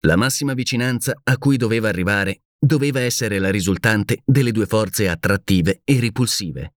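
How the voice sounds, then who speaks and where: A man narrating a classic novel for an audiobook in a steady, measured way. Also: lowish voice, no echo, clean studio sound.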